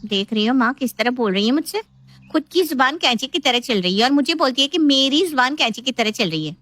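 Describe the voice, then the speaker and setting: A woman doing a shrill nagging young sister-in-law. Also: expressive, brisk, fairly bright tone, dry recording. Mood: taunting. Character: sharp-tongued young woman, pushy and nagging.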